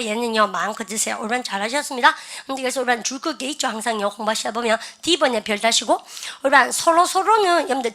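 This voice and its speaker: A woman teaching an English grammar class, constantly quizzing her students and drilling example sentences slowly. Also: a little high, pushed and bright. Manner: quizzing students with frequent rhetorical questions, drilling phrases. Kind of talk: lively classroom lecture.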